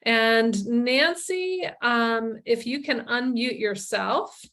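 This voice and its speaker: A woman's voice: on the high side, slow, fairly bright tone. Woman hosting a video call for her tour company, chatty, lots of ums and restarts. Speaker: tour company owner presenting. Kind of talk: casual webinar presentation.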